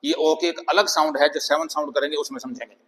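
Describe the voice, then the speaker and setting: A man teaching a phonics lesson, speaking slowly and deliberately, reading English headings aloud. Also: on the high side, fairly even intonation, fairly bright tone. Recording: long echoing reverb.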